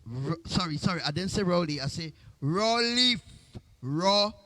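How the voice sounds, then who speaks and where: A man's voice: sits high, lively intonation, measured pace, sharp tone. A man hosting a livestream, chatting casually and joking with lots of repetition. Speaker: livestream host.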